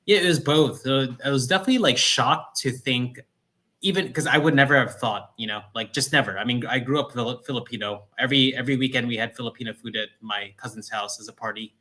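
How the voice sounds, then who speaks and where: Man, food founder as interview guest, bright forward voice, upbeat chatty delivery. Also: mid-range voice, quick pace. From New Jersey, US. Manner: energetic, upbeat storytelling with frequent "right?". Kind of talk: casual interview conversation. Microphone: livestream call microphone.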